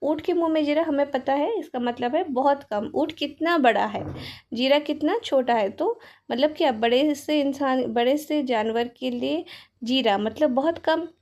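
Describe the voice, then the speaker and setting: Higher-voiced woman teaching grammar. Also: a little slow, darkish tone. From Odisha, India. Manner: mixes English into Hindi, explains with example sentences. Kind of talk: Hindi grammar lesson.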